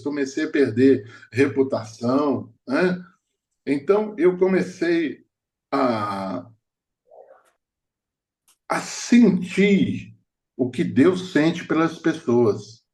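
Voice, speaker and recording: With a medium-pitched, darkish voice, a middle-aged prophet delivers a sermon built on personal stories. He keeps restarting hesitantly and chuckles at his own anecdotes.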